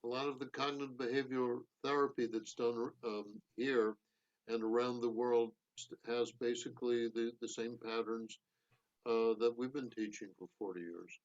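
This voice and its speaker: A man thinks aloud on a video call, pausing often and filling the gaps with ums and restarts. His voice sits at an average pitch, and the line sounds dull and lo-fi. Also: level tone. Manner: hesitant, many fillers and restarts. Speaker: discussion participant.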